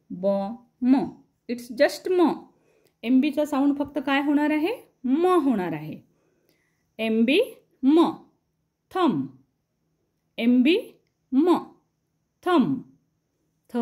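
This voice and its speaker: A woman's voice: a little high, darkish tone. A woman teaching English pronunciation, spelling each word letter by letter and repeating it for her students. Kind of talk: spoken English pronunciation lesson.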